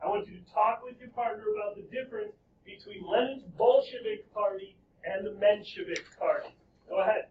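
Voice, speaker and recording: Male teacher, lively and joking, high voice, slightly muffled classroom recording with faint hiss. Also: fairly quick. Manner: lively, joking, quizzing students. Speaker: high school history teacher. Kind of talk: classroom lecture.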